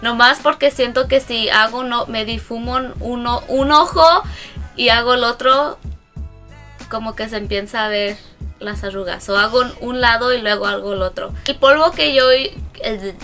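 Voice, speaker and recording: A young woman who is a native English speaker and a beauty vlogger chats through a casual makeup tutorial in a small room, sounding hesitant and correcting herself as she mixes in English words. Her voice is a little high and sharp in tone, at a moderate pace, with soft background music.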